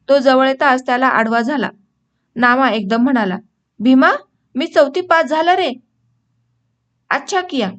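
A woman's voice: sits high, fairly bright tone. A woman narrating a novel as an audiobook reader, lifting her voice for the characters' lines. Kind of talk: reading a novel aloud.

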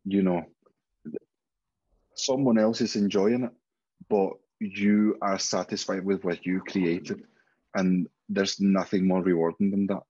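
On a video call from a room at home, a Spanish guest in his thirties chats candidly in a casual interview, swearing freely in his Spanish accent. His voice sits low and steady, dark and slightly rough, and he speaks slowly with frequent pauses. The sound is lo-fi.

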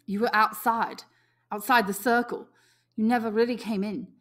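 A woman's voice: on the high side, steady tone, normal speed, pitched above the performer's own voice, close to an everyday voice. A woman as Ralph, a troubled, stricken boy. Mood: anguished. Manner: grave, stricken.

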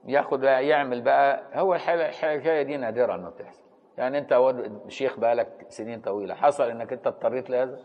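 A man's voice: mid-range voice, very fast, long reverb tail, highs cut off. A man with an Egyptian Arabic accent teaching Islamic law. He reads from a classical text, then explains it in everyday speech and often asks his listeners whether they follow.

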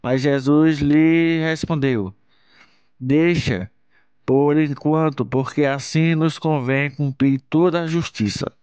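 A Brazilian man reads scripture at an unhurried, solemn pace. His voice sits a little high and comes through smooth and resonant. The recording is close and dry, with a dull, lo-fi tone. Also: steady tone, a little mellow, no echo. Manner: slow, measured, solemn reading. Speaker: channel host reading scripture. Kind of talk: Bible reading.

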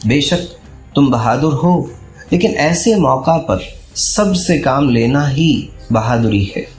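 A man reading Nahid, a calm young woman. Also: medium pitch. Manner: measured, reasoning. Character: calm, steady young woman, a feverish companion. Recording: echoey room with faint music.

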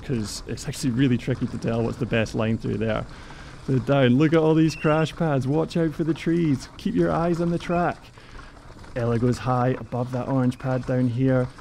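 A man's voice: medium pitch, creaky, warm tone, slight background noise. A man presenting a bike race course, giving upbeat, chatty voice-over commentary and laughing between remarks.

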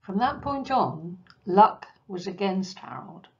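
Slow-paced woman lecturing on history. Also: mid-range voice, animated, muffled recording. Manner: measured storytelling with asides to the audience. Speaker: cruise ship enrichment lecturer. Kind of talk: history lecture over slides.

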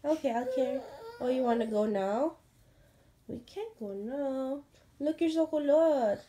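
A young mother with a Filipino accent records a casual vlog indoors on a handheld phone. Her voice sits a little high and she swings between giddy excitement and hushed whispers. Faint noise hangs under the recording. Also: unhurried. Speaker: mother vlogger.

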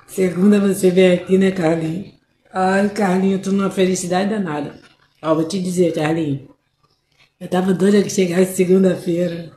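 A woman's voice: fairly low pitch, dark tone, echoey room, slight background noise, close to an everyday voice. A woman doing a cooing lovesick woman. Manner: syrupy, cooing, drawn-out endearments. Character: lovesick adult woman sweet-talking several lovers. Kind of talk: comic voice-message sketch.

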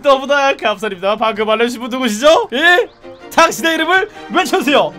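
High-voiced excitable male game streamer. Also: a little fast, faint music behind. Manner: excitable, shouts and repeats short cries; talks to his viewers. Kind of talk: live game stream commentary.

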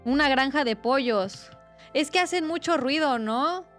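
A woman's voice: high-pitched, lively intonation, a little slow, fairly bright tone, soft background music. A young woman, streaming a game and chatting casually, reading viewers' messages aloud in a playful, teasing way. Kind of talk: casual livestream chat while gaming.

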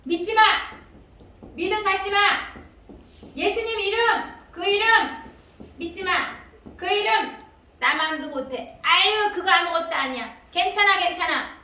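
A woman's voice: very high voice, measured pace, pauses often, pushed and bright, heavily acted. A woman voicing a sly devil who coaxes and barks commands to tempt listeners into sin, in a children's sermon. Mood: taunting. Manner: coaxing, then barking commands. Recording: echoey hall from far off.

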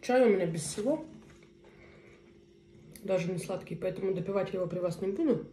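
A woman in her thirties chats casually to viewers as a mukbang vlogger, talking in short, unhurried phrases with pauses as she eats. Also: mid-range voice, mellow. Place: small indoor room at a table. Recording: roomy echo, faint noise, cutlery clinks. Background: cutlery and dishes.

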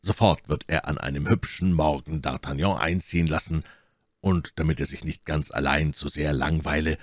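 A man reading aloud voices a calm, cool-headed musketeer who speaks quietly and indifferently. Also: very deep voice, moderate pace, no echo, clean studio sound.

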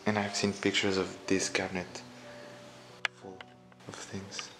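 A man quietly commenting as he explores a dark abandoned house, half-whispering at times, recorded on a handheld camera. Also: low voice, monotone, a little slow, over music, rough recording. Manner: hushed, half-whispered remarks. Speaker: urban explorer.

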